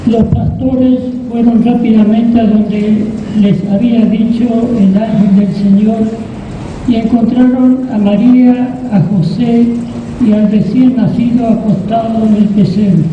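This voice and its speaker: A woman reading the Gospel at Mass in a slow, measured, solemn way, her voice ringing with cathedral echo in a large church. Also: on the high side, steady tone. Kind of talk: liturgical scripture reading. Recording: far-off, echoey, dull and hissy church recording.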